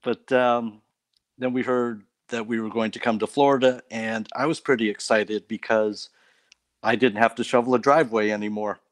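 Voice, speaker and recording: A man from Canada, a guest on a faith talk show, telling stories about his life in a relaxed way with light laughs. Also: mid-range voice, moderate pace, no room sound. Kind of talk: casual testimony interview.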